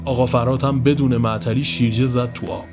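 A man narrating a scripted horror story in a steady, even voice of middle pitch. Faint background music plays under his words. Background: soft music.

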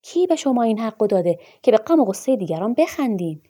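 A woman voicing a bitter, proud male doctor in a storybook reading, shouting angry tirades. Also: medium pitch, expressive, slightly rough. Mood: furious, shouting.

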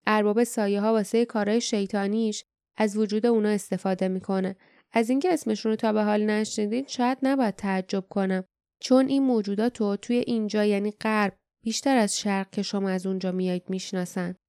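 A woman reading the part of a calm, serious young man in an audiobook, speaking slowly and earnestly. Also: medium pitch, clear, resonant tone, no room sound, clean studio sound, natural voice.

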